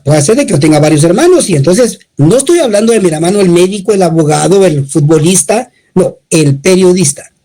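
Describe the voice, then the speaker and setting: A woman lecturing on grammar with a warm, mellow tone. Her pitch swings widely as she stresses examples, and she breaks the explanation into short steps, pausing to check that her students are following. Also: low-quality recording. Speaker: grammar teacher. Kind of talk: classroom lecture.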